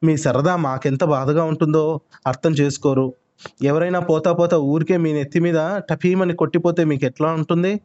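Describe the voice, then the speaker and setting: A gentle, long-suffering coconut tree from a children's storybook, put on by a male narrator. It pleads in a raised, strained voice that sits higher than a man's usual range. The recording is muffled and lo-fi. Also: steady tone, moderate pace, lightly acted. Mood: reproachful.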